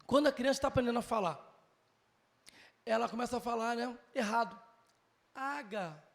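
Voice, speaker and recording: Man, Brazilian accent, very high voice, Sunday school teacher, earnest, repeats phrases. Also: fairly quick, vocal fry. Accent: Brazilian Portuguese. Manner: addresses listeners as brother. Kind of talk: Bible class teaching.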